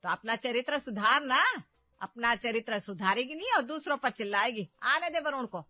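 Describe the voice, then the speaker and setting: A woman voicing a meddling, domineering middle-aged mother who loudly stirs up trouble in her family. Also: medium pitch, moderate pace, no echo, lo-fi sound, faint music behind, lightly acted.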